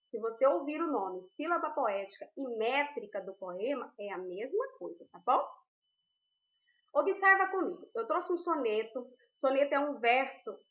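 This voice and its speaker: A woman teacher giving a recorded class, explaining patiently step by step and checking in with her students often. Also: fairly high pitch. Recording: roomy, dull lo-fi.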